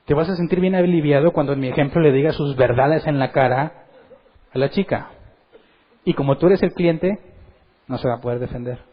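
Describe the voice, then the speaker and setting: A pastor leads a sermon-style Bible study in an animated manner, asking his listeners questions and acting out quotes. His fairly high, slightly rough voice is a little fast with frequent pauses, and the sound is lo-fi.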